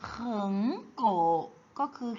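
A woman teaching Chinese in a slow, patient worksheet walkthrough, repeating each syllable clearly. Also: darkish tone. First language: Thai. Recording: slightly dull, faint hiss.

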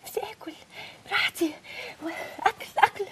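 Egyptian actress, very high voice, quick complaining delivery. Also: female voice, a bit bright. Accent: Egyptian Arabic. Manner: whiny, complaining dieter. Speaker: wife in comedy sketch.

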